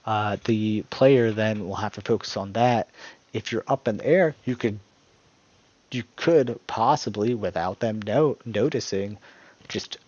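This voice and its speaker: Low-voiced man explaining game tactics. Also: measured pace, a little mellow, dry recording, dull audio. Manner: rambling, self-correcting, breaks into laughter at his own jokes. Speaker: gaming guide creator. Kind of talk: casual gameplay tutorial.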